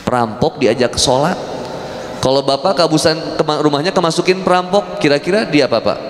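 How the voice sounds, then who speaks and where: A man's voice: fairly high pitch, brisk. A male preacher giving a humorous sermon, joking with the congregation and acting out little dialogues. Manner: jokey, addresses audience as Pak, acts out quotes. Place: mosque hall. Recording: echoey mosque hall, faint ambience.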